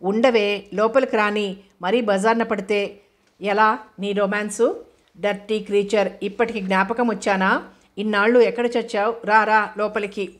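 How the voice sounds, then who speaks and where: A playful, talkative young woman lecturer who teases and tosses English phrases into her banter, read by a woman narrator. The delivery stays even and flat in pitch, at a middle height. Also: natural voice. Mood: teasing. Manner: rapid, teasing banter mixed with English phrases.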